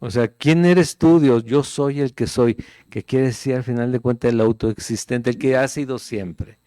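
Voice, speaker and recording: A man's voice: mid-range voice, steady tone, moderate pace, warm tone, no echo. A middle-aged man preaching a sermon as pastor, reading scripture aloud and checking in with listeners in a conversational way.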